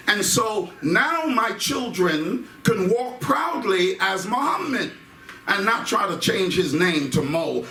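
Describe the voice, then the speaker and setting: An American guest speaker gives an animated public lecture on faith and identity to a live audience in an indoor hall. His high, bright voice is forceful and emphatic, repeating phrases for effect and tossing in jokes. The distant mic picks up room echo and faint background noise.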